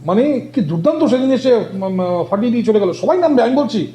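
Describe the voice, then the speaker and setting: A man answering interview questions about politics, halting often and filling gaps with hesitations. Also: very high voice, animated, dark tone, reverberant. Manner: halting, many fillers and restarts. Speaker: political guest.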